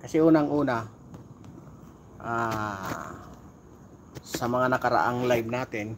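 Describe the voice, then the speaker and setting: A middle-aged man chatting casually on a live stream while on night volunteer duty outdoors, giving viewers shout-outs. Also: mid-range voice, animated, slow pace, noisy background.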